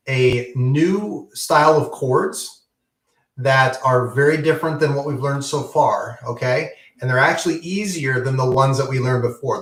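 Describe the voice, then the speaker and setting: Casual man teaching guitar, roomy sound. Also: mid-range voice. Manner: casual, encouraging, many ums and okays. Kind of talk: online guitar lesson. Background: guitar playing.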